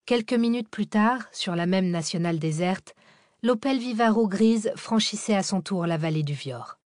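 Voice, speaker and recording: A woman narrating a thriller audiobook in a steady, measured reading. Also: mid-range voice, dry recording, studio quality.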